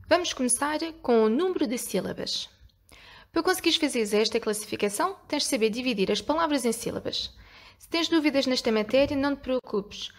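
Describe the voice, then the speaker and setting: A woman teacher with a European Portuguese accent giving a video lesson, speaking clearly and didactically, drawing out example words slowly and checking in with the viewer. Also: high-pitched. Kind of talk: video lesson explaining grammar.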